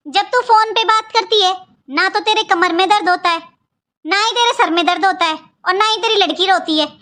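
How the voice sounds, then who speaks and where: A woman voicing a sharp-tongued, scolding elderly mother-in-law in a Hindi cartoon. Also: very high voice, normal speed. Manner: nagging, accusing, lecturing.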